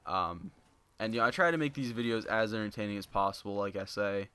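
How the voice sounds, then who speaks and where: Fairly low-pitched and fairly quick, a young gaming YouTuber's voice has a clear, resonant tone as he rambles casually to viewers. It's an unscripted, monotone ramble crowded with fillers like "you know," recorded on a basic low-end home mic.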